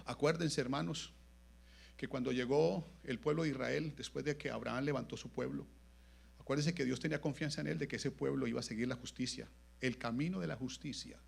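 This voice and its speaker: A man pastor with a Latin American Spanish accent preaching a sermon in a church, dropping to low murmurs and then rising to loud, emphatic lines. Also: brisk, gravelly, slightly rough. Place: church sanctuary.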